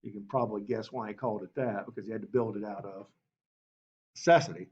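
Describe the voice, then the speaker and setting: A man teaching a history class in a lively way, often asking the class and saying okay. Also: fairly low pitch, fast talker, muffled recording.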